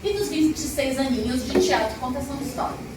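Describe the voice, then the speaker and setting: Speaking fast in a high voice, a middle-aged woman who teaches arts and tells stories performs expressively, talking straight to her live audience. The distant-mic recording captures an echoey room with noisy ambience.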